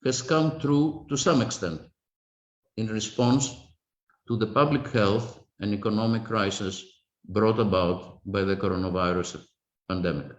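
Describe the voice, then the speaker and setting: A man panellist giving formal prepared remarks over a video call, in a measured, deliberate way. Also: lowish voice. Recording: echoey, muffled video-call audio.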